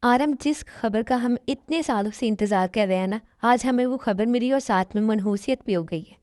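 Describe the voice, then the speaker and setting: A woman's voice: on the high side, moderate pace, darkish tone, no echo, studio quality, natural voice. A woman voicing a troubled family member explaining bad news in a fan dub drama.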